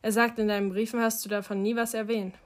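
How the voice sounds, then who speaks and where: A woman voicing a middle-aged mother who speaks quietly and matter-of-factly to her teenage son in an audiobook. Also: a little high, little pitch movement, quick pace, close to an everyday voice. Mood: calm.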